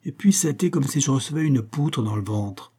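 Un homme qui joue une énorme brute masculine, peureuse devant les morts, d'une voix plaintive et forte. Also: male voice, mid-range voice, animated, a little fast, dark tone, husky. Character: brutal hulking male thug, squeamish about corpses.

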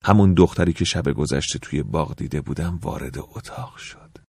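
A man narrating an audiobook in the first person, calm and measured, at times dropping to a soft whisper. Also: a bass voice, vocal fry, noisy background.

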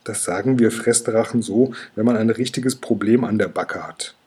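A man voicing a cheeky young dragon in a storybook reading, with a very husky voice. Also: fairly low pitch, normal speed, darkish tone. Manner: cheeky, whispering.

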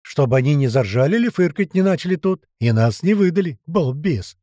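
A brisk, bossy squad leader, voiced by a male narrator, firing off orders and scolding in a raised, hurried voice. The tone is mellow underneath, with a lively rise and fall. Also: on the high side, no room sound, clean studio sound. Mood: urgent commanding.

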